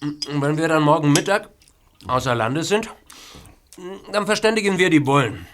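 A sneering, high-voiced gang boss. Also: male voice, animated, moderate pace, fairly bright tone, slight background noise. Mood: gloating. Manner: sneering, gloating, chuckling. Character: gloating male gang boss, cruel and mocking. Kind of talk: radio play acting.

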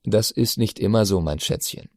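A weary, patient middle-aged father from an audiobook, as the reader puts him on, with calm, soothing replies in a dark, mellow tone. The sound is dry and close to the mic. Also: medium pitch, brisk, no echo, lightly acted. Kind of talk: audiobook character voice.

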